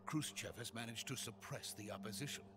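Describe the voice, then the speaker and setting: An actor playing an anxious middle-aged Soviet scientist in a video game cutscene, speaking in a formal, deliberate, earnest way. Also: male voice, on the low side, close to an everyday voice. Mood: grave, urgent.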